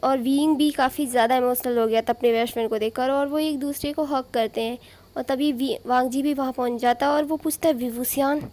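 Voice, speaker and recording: A woman's voice: high-pitched, fairly even intonation, fairly quick, darkish tone. Woman casually retelling a fan story. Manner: informal retelling with asides and restarts.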